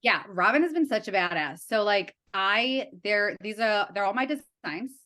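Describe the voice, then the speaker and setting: A young adult woman, a guest in a casual conversation, telling stories in an animated way with lots of fillers and acted-out quotes. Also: mid-range voice, moderate pace. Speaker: guest, writer and art director.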